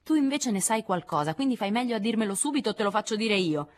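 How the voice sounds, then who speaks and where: A woman reading an audiobook, voicing a hot-tempered teenage girl writer who speaks loudly and indignantly, higher than her own voice. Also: a little fast, slightly rough. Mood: accusing. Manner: loud, indignant, accusing. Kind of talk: audiobook character voice.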